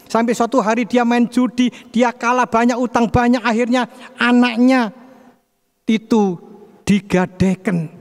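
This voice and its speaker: A man's voice: very high-pitched, steady tone, a little slow, voice pushed up. A preacher voicing a woman's church friend who eagerly reveals bad news about the ex-boyfriend. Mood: eager telling. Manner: urgent, revealing. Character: gossipy female church friend. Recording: long hall reverb.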